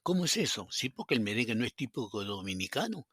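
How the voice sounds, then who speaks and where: A man with a Peruvian accent tells stories from his working life in a relaxed, meandering way. He fills his speech with small hesitations and plays out the dialogue he quotes. His voice sits at a middle pitch and is recorded dry, with no room sound. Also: fast, slightly rough, dry recording. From Peru. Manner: rambling with many fillers, acts out quoted dialogue. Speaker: podcast guest, psychologist. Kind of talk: casual anecdotal storytelling.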